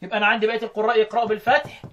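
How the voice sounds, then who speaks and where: A man's voice: high-pitched, level tone, fairly bright tone, highs cut off. A man with an Egyptian Arabic accent teaching Quran readings, quizzing his student and repeating each answer. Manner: quizzing, repeats answers, drills phrases slowly. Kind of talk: teaching the variant readings with call and response.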